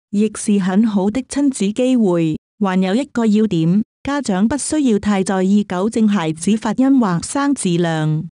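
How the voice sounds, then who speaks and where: A woman reading a newspaper column aloud in an even, steady recital. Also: mid-range voice, no echo, clean studio sound. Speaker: reader.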